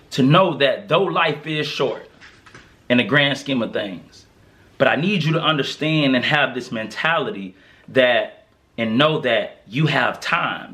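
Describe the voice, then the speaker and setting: A man's voice: mid-range voice, bright, forceful tone. A young man speaking, hosting a podcast as a motivational monologue, earnest and encouraging with lots of repetition. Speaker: podcast host.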